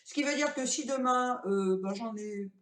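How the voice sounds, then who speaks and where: Older lady rambling about her buys at home, kinda high voice, lots of euh and voilà, roomy echo. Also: moderate pace, fairly bright tone. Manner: chatty and rambling, many fillers and "voilà". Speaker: vlogger. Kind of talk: casual shopping haul vlog. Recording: roomy echoey room sound.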